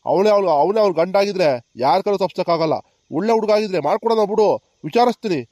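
A gentle old village grandfather, played by a man in a cartoon comedy. He talks quickly in a fairly high voice, soothing and reasoning. The sound is close and dry. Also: no room sound, natural voice. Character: kind old village grandfather, calm peacemaker.

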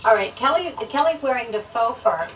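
A woman's voice: fairly high pitch, lively intonation, a little fast, a bit bright. A woman presenting models on a live show, fussing over them and calling them darling and sweetheart. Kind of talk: live event commentary. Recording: distant mic with noise.

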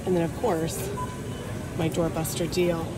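A woman vlogger with a congested voice, gushing excitedly as she shops through busy stores on camera. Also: lowish voice, unhurried. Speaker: shopping vlogger host. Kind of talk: casual shopping vlog. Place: busy stores on a shopping day. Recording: crowd and store noise behind.

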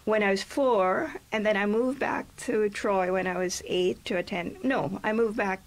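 An older woman from Jamaica speaks with a Jamaican accent as a guest in a studio radio interview. She talks in a reflective, chatty way and laughs easily, at an everyday pitch, into a boom-arm microphone. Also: moderate pace. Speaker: guest poet. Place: small radio studio, indoors.

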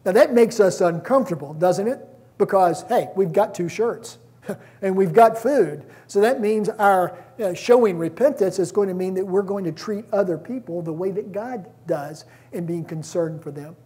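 A man's voice: high voice, moderate pace, warm tone, husky. A man preaching a conversational sermon, reading scripture aloud with frequent restarts.

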